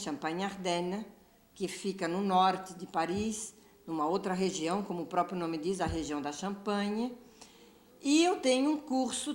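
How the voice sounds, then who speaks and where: A woman from Brazil with a Brazilian Portuguese accent, giving a measured, reflective testimony as a literature professor and pausing often with fillers. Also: on the low side. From Brazil, São Paulo. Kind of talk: recorded testimony, speaking to camera. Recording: echoey room.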